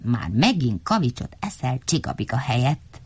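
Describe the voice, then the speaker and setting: A woman's voice: rumbling low, very animated, slightly rough, exaggerated voice. A woman voicing a haughty, bossy cheetah sergeant who speaks curtly and superiorly, in a storybook radio reading. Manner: curt, superior.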